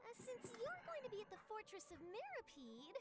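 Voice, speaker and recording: High-pitched, eager young journalist. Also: female voice, huge pitch swings, normal speed, exaggerated voice. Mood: disappointed, hopeful. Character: eager, nosy, persuasive young female newspaper journalist. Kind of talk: anime-style video game dialogue. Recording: game music behind voice.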